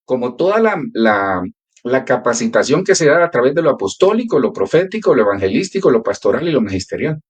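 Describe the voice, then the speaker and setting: A man's voice: mid-range voice, sing-song, brisk. A male pastor who prays and then teaches a church class, telling stories in a prayerful, earnest way.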